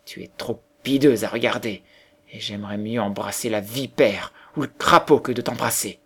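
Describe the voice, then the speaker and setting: A man voicing a proud, cruel young boy who talks with harsh scorn, a little higher and louder than his own reading. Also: normal speed, slightly rough. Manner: harsh, contemptuous, raised voice.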